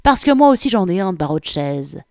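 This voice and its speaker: A woman's voice: lowish voice, very animated, fairly quick, warm tone, no room sound, clean studio sound. A woman reading aloud, voicing a brash young female municipal police officer with a strong Landes accent and a crude, bossy way of talking. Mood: mocking threatening. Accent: southwestern French (Landes).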